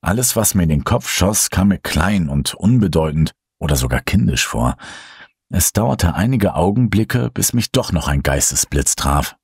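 A man reading a horror story aloud in a calm, low storytelling voice. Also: moderate pace, breathy edge, no room sound, clean studio sound. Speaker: narrator. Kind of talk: scripted horror audiobook narration.

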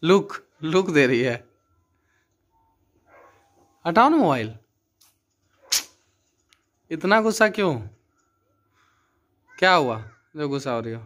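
Young man, home vlogger behind a phone camera, playful and coaxing, voice sitting a little high. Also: very animated, unhurried, pauses often, fairly bright tone. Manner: coaxing, teasing, repeats himself. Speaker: vlogger filming his wife. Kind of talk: casual family vlog chat. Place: home at night.

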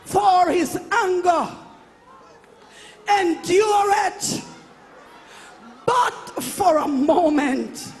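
In this fervent charismatic sermon and prayer, a man speaks declaratively and repeats phrases to drive them home. He has a very high voice with lively intonation, talking extremely slowly and pausing often. Music and a congregation fill the background of this live worship service recording.

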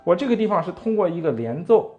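Man teaching piano lively, animated speech. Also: sits high, fast, highs cut off. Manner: counts beats aloud, asks frequent rhetorical tag questions. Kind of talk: music lesson with counting and playing. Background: piano playing.

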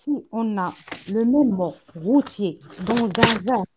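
Une femme, élève, pose poliment une question en hésitant, en visioconférence. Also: female voice, medium pitch, slow pace, very noisy. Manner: hesitant, polite questioner. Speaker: student.

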